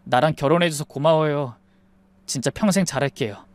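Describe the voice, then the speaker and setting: A woman voicing a young groom who speaks politely and apologetically, in a slightly lower voice. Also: brisk, dry recording, natural voice. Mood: earnest.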